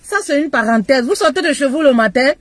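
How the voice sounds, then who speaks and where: A woman's voice: high voice, animated, fairly quick, no room sound. A woman relationship coach chatting playfully on a casual live stream, often singing along to the music.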